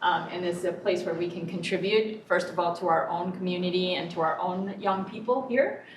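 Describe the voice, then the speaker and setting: Lady superintendent at a board meeting, lots of ums, far off mic, faint hiss. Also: on the low side. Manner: hesitant, many ums, deliberate. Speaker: school superintendent. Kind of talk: public board meeting remarks. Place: echoey board meeting room. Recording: echoey room, distant mic, faint noise.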